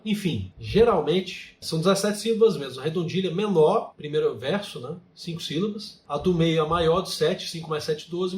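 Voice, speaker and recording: A man's voice: a little high, a little hiss or hum. A Brazilian man teaching a creative writing class, explaining poetic forms and often adding "né?" to his sentences. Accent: Brazilian Portuguese. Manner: frequent tag "né?", recites his own poems with feeling. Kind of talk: online course lecture. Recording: echoey room.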